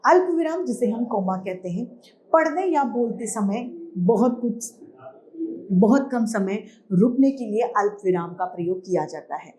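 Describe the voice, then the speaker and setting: A woman teacher giving a grammar lesson to children. She explains step by step, asks questions and answers them herself, and reads the examples out slowly. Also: a little high, expressive, darkish tone, a little hiss or hum.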